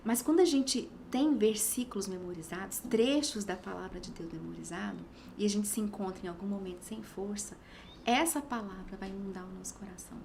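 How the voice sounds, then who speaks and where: A woman in her thirties, a guest on a casual faith podcast, tells her testimony animatedly and drops to a whisper when quoting scripture. Her medium-pitched voice is gravelly and darkish, fairly quick, with a little hiss or hum on the recording.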